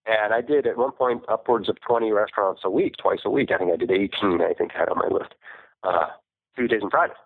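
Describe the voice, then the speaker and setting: A man's voice: lowish voice, fairly quick, husky, no room sound. A man on a flip phone call as a farmer guest in an interview, rambling and correcting himself, laughing often. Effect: talking over a flip phone call. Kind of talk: casual interview chat. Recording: dry phone-call audio.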